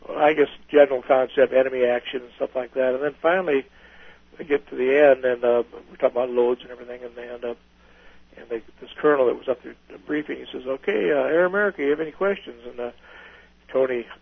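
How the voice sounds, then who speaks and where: A man's voice: mid-range voice, flat delivery, fast talker, vocal fry, husky, no room sound, phone-quality sound. An older man, a retired pilot, telling folksy, rambling stories in an oral history interview, restarting his sentences often.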